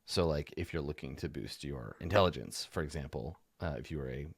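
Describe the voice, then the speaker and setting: A man's voice: a bass voice, brisk, gravelly, breathy edge, no echo, studio quality. A man acting as game master, casually explaining tabletop rules with joking asides.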